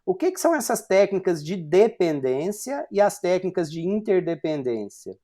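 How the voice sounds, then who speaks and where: A man in his forties from Brazil teaches a university class online, talking to the whiteboard as he works through it. His voice sits a little high for a man, and he keeps checking in with rhetorical questions and short fillers. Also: sing-song, normal speed, mellow. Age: 40s. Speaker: university lecturer.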